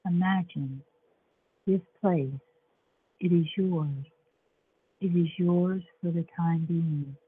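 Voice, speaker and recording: A woman leading a guided relaxation meditation in a soothing, measured way, with long pauses between short phrases. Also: fairly low pitch, steady tone, breathy edge. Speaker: show host and guided imagery facilitator. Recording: dull lo-fi sound with faint background noise.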